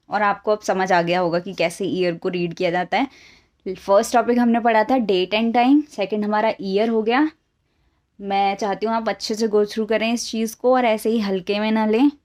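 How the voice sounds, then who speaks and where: Woman, teacher, online lesson, fairly high voice, Hindi mixed with English, patient, repeats examples. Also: a little mellow. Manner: patient, repeats examples, asks rhetorical questions; mixes Hindi and English words. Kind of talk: online lesson explaining year reading.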